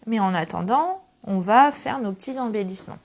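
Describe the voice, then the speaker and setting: A woman from France hosting a relaxed craft tutorial, talking casually through each step with many fillers. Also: medium pitch, moderate pace. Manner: chatty, relaxed, thinks aloud with fillers. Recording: faint background noise and clicks.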